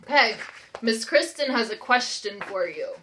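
An American woman in her thirties, a preschool teacher, reads aloud to young children in an interactive lesson, using simple, encouraging phrasing and asking questions. Her voice sits on the high side and is animated, unhurried and fairly bright. There is slight background noise.

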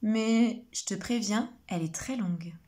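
A woman's voice: medium pitch, unhurried, warm tone, natural voice. Woman doing a stammering little bird. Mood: hesitant. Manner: stammering, hesitant.

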